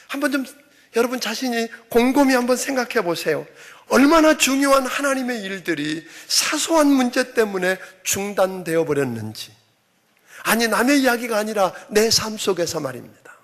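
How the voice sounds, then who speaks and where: A man's voice: high voice, a bit bright. A middle-aged man preaching a sermon as senior pastor, emphatic, often acting out quoted voices.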